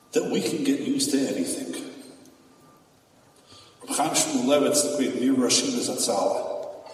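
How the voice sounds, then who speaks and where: A man's voice: mid-range voice, a little hiss or hum. Man preaching in an echoey hall. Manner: builds from calm to loud, emphatic preaching. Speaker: rabbi. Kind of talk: sermon. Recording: echoey hall, far from the mic.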